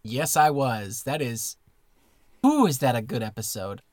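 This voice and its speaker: A man's voice: medium pitch, big pitch swings, a little slow, a little mellow, dry recording. A man co-hosting a podcast from inside a clothes closet, rambling through stories with lots of fillers and restarts. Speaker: podcast co-host. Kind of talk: casual comedic chat.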